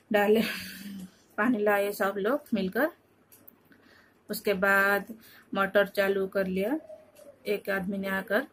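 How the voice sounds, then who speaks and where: A tired woman from Odisha, India, telling a home vlog in a casual, halting way, often searching for words and restarting. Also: mid-range voice. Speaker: vlogger. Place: home at night.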